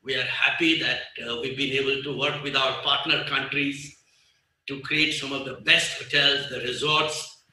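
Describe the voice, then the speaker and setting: A man in his sixties from Nepal with a Nepali accent, giving a guest speech at a business conference in a large hall. He is emphatic, repeats his key phrases and pauses with fillers. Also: medium pitch, little pitch movement, bright, forceful tone, slight background noise. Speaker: business leader, guest speaker. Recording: echoey hall, voice far from the mic.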